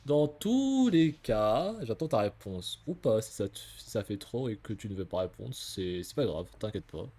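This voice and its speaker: A man's voice: lowish voice, very animated, moderate pace, few pauses, dark tone. A man reading a game letter aloud in a raised voice, as a nervous teenage girl who rambles and second-guesses herself. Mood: flustered.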